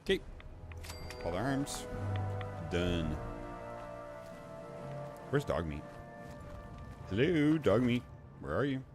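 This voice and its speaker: A man's voice: medium pitch, sing-song, slow pace, pauses often, music in the background. A man giving casual, chatty gameplay commentary, rambling and correcting himself as he plays. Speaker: gaming video creator.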